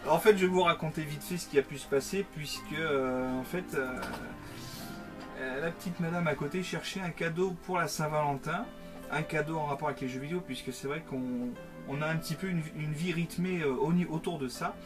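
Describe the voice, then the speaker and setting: Guy in his 30s chatting about games, bit high pitched, clear music in the back. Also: brisk. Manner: chatty, teasing storyteller. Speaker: co-host of a video game collecting vlog. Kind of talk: casual chat to camera. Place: small game-collection room indoors.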